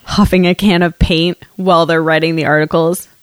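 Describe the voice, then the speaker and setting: A woman's voice: fairly low pitch, little pitch movement, fairly quick, clean tone, no echo. A woman co-hosting a podcast, giggly and teasing in a casual chat. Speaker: podcast co-host.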